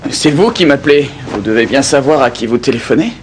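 A man's voice: mid-range voice, lively intonation, fairly quick, close to an everyday voice. Man playing an earnest young priest, noisy soundtrack. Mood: reassuring, insistent. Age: 30s. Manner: earnest, reassuring, insistent. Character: earnest young priest, urgent, soothing and protective. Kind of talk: dubbed television crime drama acting.

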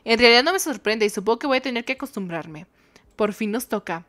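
A woman's voice: fairly high pitch, expressive, quick pace, fairly bright tone. A young woman with a Mexican accent, reading a dating game aloud and reacting with playful squeals and joking swears. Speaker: gamer.

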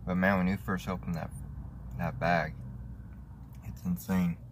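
Low-voiced guy doing a casual snack review in his car, kinda halting, clear background noise. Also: little pitch movement. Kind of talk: casual product review to camera. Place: inside a parked car. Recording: noisy car interior phone recording.

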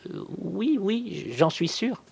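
A man's voice: sits high, sing-song, slow, creaky, darkish tone, breathy edge, pitched above the performer's own voice, heavily acted. A man voicing a distraught young woman under hypnosis, stammering as she pleads. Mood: hesitant.

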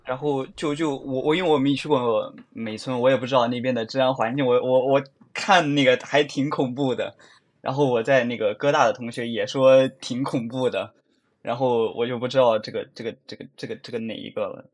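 Hesitant young man with a husky voice. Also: mid-range voice, steady tone, a little fast. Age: young adult. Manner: hesitant, stammering, repeats words. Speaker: caller. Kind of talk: call-in chat.

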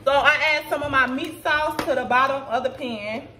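A home-cooking vlogger in her thirties, slightly tipsy, talks "y'all" through a recipe in a casual, chatty walkthrough. Her voice sits high and sounds pushed and bright at normal speed. Audio comes from a camera mic placed back on the counter, with room noise.

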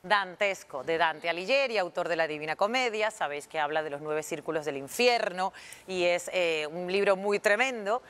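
Mujer explicando palabras con paciencia. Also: female voice, lowish voice, normal speed, fairly bright tone, clear, resonant tone. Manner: didactic, explains with examples. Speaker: guest language expert. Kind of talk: explaining word meanings on a TV talk show.

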